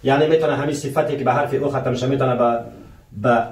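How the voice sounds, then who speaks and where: A man with a mid-range voice and fairly even intonation teaches a French lesson in Persian, speaking to his "dear friends" with rhetorical questions and saying French examples slowly and carefully. The room echoes, and he sounds a bit far from the mic.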